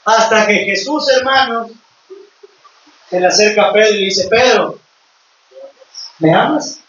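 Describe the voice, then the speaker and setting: A man's voice: high voice, moderate pace, a bit bright, slight background noise. A man preaching a sermon to his congregation, retelling scripture with emphasis and calling out to the brethren. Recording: echoey hall, distant dull mic.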